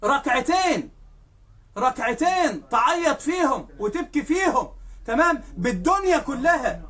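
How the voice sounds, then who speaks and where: A man's voice: extremely high pitch, very animated, normal speed, a bit bright. A man with an Egyptian accent preaching a conversational sermon, telling stories and often checking in with his listeners. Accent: Egyptian Arabic. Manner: storytelling, keeps asking "right?". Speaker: sheikh preacher.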